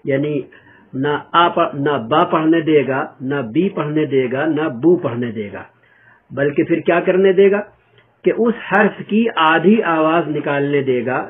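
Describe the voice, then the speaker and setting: A man teaching an Urdu reading lesson, patiently repeating and spelling out letter sounds step by step. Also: on the high side. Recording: tinny phone-like audio.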